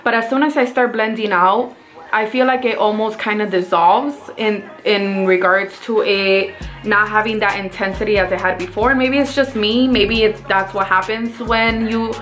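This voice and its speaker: A woman's voice: medium pitch, fairly bright tone. A woman with a Mexican accent, chatting casually through a makeup tutorial as a beauty vlogger and talking viewers through each step.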